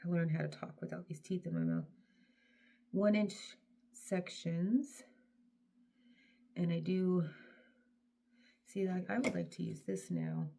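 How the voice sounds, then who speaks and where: A middle-aged woman vlogger from North Carolina chatting casually while she does her hair, self-deprecating and drifting into soft mutters. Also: lowish voice, a little slow, creaky, pauses often.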